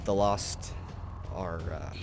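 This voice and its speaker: A man's voice: deep voice, fairly even intonation, slow pace, loud music behind the voice. A man hosting a gaming video, giving casual commentary and musing to himself as he goes.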